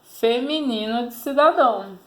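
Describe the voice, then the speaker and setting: A woman's voice: fairly high pitch, a little slow, a bit bright. A Brazilian woman teacher giving a recorded grammar lesson to children, patiently posing fill-in questions and coaxing answers. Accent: Brazilian Portuguese.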